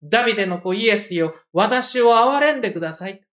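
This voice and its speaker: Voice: medium pitch, fairly even intonation, moderate pace, fairly bright tone, natural voice. A preacher voicing a pleading blind beggar. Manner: pleading, raised insistent cries. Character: blind male beggar crying out for mercy.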